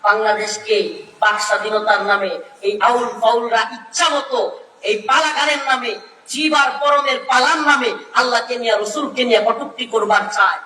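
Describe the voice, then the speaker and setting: A middle-aged man with a Bangladeshi Bengali accent, preaching a fiery open-air sermon, often shouting and rising high on Arabic verses. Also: moderate pace, recorded from a distance. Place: outdoor religious gathering. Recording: echoey loudspeaker sound from afar with crowd.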